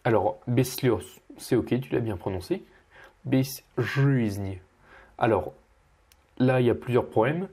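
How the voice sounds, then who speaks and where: A man teaching pronunciation as he corrects a student, patiently repeating each word slowly. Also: medium pitch, animated, darkish tone, breathy edge. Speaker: Russian language teacher.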